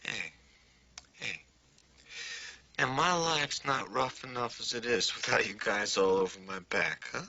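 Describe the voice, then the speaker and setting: A man's voice: medium pitch, unhurried, pauses often, bright, forceful tone. An actor playing a jumpy, streetwise wise guy in a television drama, brash, evasive and slangy. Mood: agitated, defensive. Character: jumpy, streetwise younger male alter ego, defensive wise guy. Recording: dull, noisy TV soundtrack.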